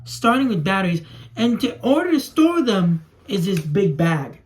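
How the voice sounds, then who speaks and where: This young man's voice sits high, swinging widely in pitch at normal speed. A native Spanish speaker and young adult toy video creator, he chats in a rambling, casual way as he demonstrates something to camera from a small room at home, with clear background noise and clicking.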